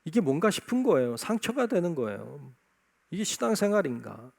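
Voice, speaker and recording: A man's voice: fairly high pitch, big pitch swings, fairly quick, creaky, a little mellow. Guy preaching a sermon in church, emphatic, keeps repeating his point, voice jumps all over. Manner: emphatic, repeats key phrases. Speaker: pastor. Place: church sanctuary.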